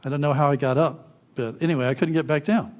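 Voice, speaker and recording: A man with a fairly high voice preaches with lively, animated storytelling. He chuckles as he goes and acts out the voices of the people in his anecdotes before easing into his lesson. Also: quick pace, muffled recording. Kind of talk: sermon with childhood anecdotes.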